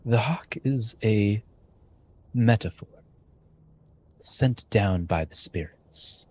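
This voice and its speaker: Guy doing a blind old shaman, low husky voice, slow cryptic talk. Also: a little mellow. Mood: solemn. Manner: slow, grave, measured delivery.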